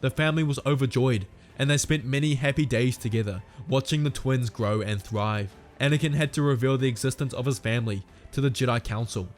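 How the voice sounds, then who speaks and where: A man giving steady, dramatic scripted storytelling narration. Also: mid-range voice.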